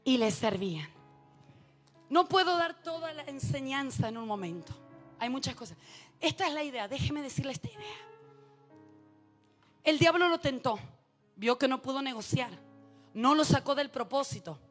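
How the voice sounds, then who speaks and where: A woman preacher delivering a sermon, calling out to her congregation and rising from hushed asides to shouted exhortations. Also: high voice, very animated, moderate pace, long pauses, soft background music. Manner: addresses the congregation directly, calls for responses.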